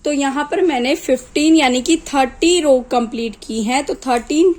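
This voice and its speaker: A woman with a sore throat teaching knitting step by step, calmly counting stitches aloud one at a time. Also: sits high, moderate pace, poor audio. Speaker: knitting tutor. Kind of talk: slow step-by-step craft tutorial.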